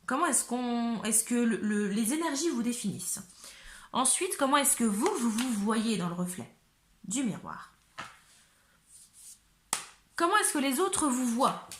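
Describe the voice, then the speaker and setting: A hoarse woman from north-eastern France with a north-eastern French accent, giving a chatty, giggly tarot reading to her viewers, often searching for words. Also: on the high side, very animated, measured pace, pauses often, roomy sound, a little hiss or hum. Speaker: tarot reader. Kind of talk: casual tarot reading to camera.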